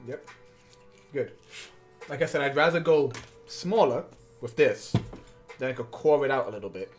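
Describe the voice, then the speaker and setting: At a normal speed and medium pitch, a craft streamer chats animatedly while building, drifting into fillers and asides. The casual build-along has faint background music.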